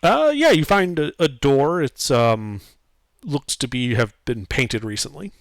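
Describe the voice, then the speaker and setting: A man runs a tabletop game with casual, improvised narration. His delivery is halting as he searches for words, but the pitch moves in a lively way. The sound is dry. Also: no room sound. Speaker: game master.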